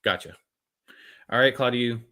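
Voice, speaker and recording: A man's voice: mid-range voice, a little slow, bright, forceful tone. A man co-hosting a podcast, passing on listener questions in an easygoing way and often saying "gotcha.". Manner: easygoing, says gotcha a lot. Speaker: co-host. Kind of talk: casual podcast chat.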